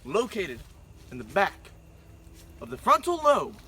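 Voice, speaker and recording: A man's voice: high-pitched, huge pitch swings, unhurried, pushed and bright, far from the mic. A man presenting a parody infomercial in an exuberant, theatrical way. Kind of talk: infomercial sales pitch parody. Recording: faint background noise.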